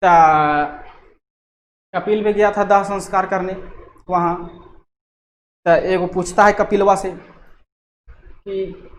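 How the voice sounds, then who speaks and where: A woman's voice: mid-range voice, steady tone, slow, pauses often. A woman teacher, giving a chatty exam-prep lesson built on memory tricks and playful scolding quips. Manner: chatty, switching between explaining and acted scolding quips. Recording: echoey room with faint noise.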